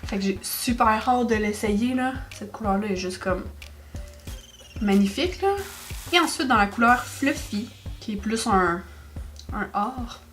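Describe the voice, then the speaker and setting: A young woman with a Québécois French accent, chatting excitedly through a makeup haul in a casual vlog. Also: a little high, measured pace, faint music behind. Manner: chatty, excitable, exclaims over products. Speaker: beauty vlogger.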